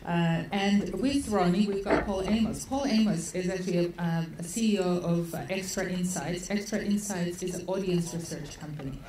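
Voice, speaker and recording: Speaking at a normal pace with few pauses, this Australian event organizer has a lowish voice as she introduces speakers at a seminar. She's chatty, laughs a lot and leans on fillers, and the distant mic in the echoey conference hall catches plenty of crowd noise.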